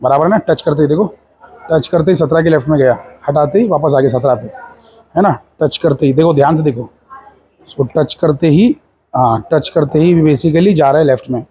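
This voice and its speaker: A man's voice: fairly high pitch, normal speed, dark tone, husky. A man teaching a physics lab in Hindi mixed with English, with an Indian accent. He explains step by step and keeps checking that the class follows. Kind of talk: hands-on lab demonstration.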